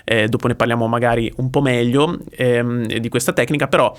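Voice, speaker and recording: A man vocal coach talking through a song, explaining technique with frequent pauses and checks for understanding. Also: medium pitch, steady tone. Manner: explanatory, often pausing with "eh" and checking with "ok?". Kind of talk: music reaction and vocal analysis.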